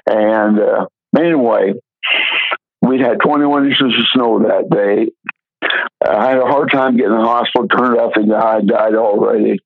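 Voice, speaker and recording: Husky older man on a phone line. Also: lowish voice, steady tone, normal speed. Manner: folksy, rambling anecdotes with frequent fillers. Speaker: retired pastor and memoir author. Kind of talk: storytelling in an interview.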